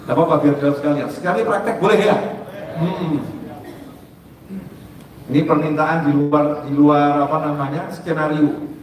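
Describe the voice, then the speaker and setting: A man preaching a sermon, lively, swinging between high emphatic calls and low asides, and chanting prayers in a sung tone. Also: normal speed, long pauses, very echoey, far from the mic, rough recording.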